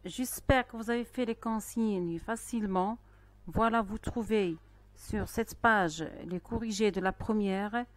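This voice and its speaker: A woman teaching a primary school spelling lesson, speaking slowly and carefully with pauses between phrases. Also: mid-range voice, dry recording. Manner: slow, careful dictation-style delivery with pauses. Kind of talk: recorded online lesson.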